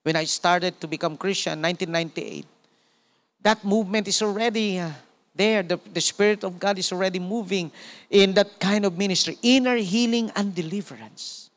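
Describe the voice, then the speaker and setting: A Filipino-accented male pastor in his forties preaches with lively energy, punctuating his points with amen and praise God. His voice sits a little higher than most men's. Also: normal speed. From Philippines. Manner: animated preaching with frequent call-outs of amen and praise God. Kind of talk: sermon.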